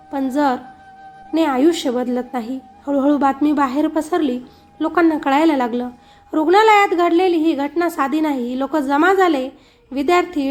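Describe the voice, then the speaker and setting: High-voiced woman narrating an emotional story. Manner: emotional, grieving mother's voice. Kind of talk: scripted first-person story narration.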